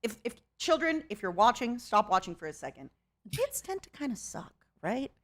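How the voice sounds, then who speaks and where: Lively young woman telling a story. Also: on the high side, moderate pace. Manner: animated storytelling, acting out quotes. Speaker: streamer host. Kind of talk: casual chat.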